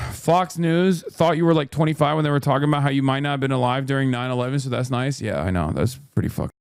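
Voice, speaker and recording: A man in his thirties streams his reactions in a loose, rambling way, swearing for emphasis and circling back on his points. His voice sits at an ordinary pitch. The sound is very dry and close to the mic. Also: fast, clean tone, no echo. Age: 30s. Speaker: streamer host. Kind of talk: casual reaction commentary.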